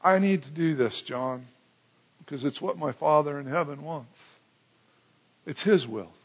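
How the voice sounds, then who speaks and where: Animated preacher man, husky voice. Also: unhurried, muffled recording. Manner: animated storyteller, swings from loud excitement to hushed low tones. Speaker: pastor. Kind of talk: sermon.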